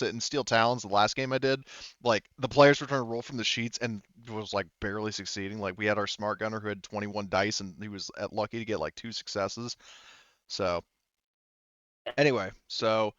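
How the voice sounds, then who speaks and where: Running a tabletop role-playing game, this man talks through the rules and dice rolls aloud in a loose, informal way, swearing now and then. His voice is medium-pitched and a bit bright, and the dry recording sounds slightly muffled.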